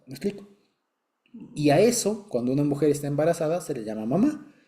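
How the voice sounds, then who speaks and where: Man with a very dark, mellow voice. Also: on the high side, big pitch swings, a little fast. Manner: constantly checks understanding with short asides; explanatory and patient, with light chuckles. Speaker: Bible study teacher. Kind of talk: conversational Bible teaching.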